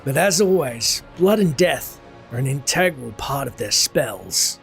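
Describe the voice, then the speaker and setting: A narrator with a mid-pitched voice reads a scripted fantasy game story. The telling is formal, with faint music underneath. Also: very animated, a little slow, gravelly. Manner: formal storytelling in first person plural.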